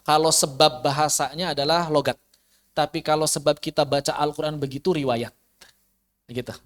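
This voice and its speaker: Male teacher, slightly high voice, patient online lesson delivery. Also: fairly even intonation. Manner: patient explaining, drawn-out examples. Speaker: Quran recitation teacher. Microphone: video call.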